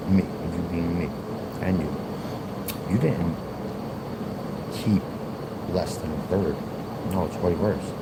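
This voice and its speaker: Speaking slowly and pausing often, this low-voiced man in his forties hosts a livestream with a Philadelphia accent. His monologue wanders, circles back on itself, and turns argumentative. An air conditioner hums under heavy background noise.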